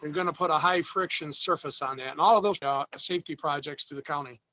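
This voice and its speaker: Male committee member on a choppy video call, bad connection breaking up, halting delivery, muffled lo-fi audio. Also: on the high side, bright, forceful tone, no echo. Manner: halting, pausing often with "uh". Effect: breaking up over a bad video-call connection. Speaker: road advisory committee member giving a report. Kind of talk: informal report at a video-call public meeting. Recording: dull lo-fi call audio with faint noise.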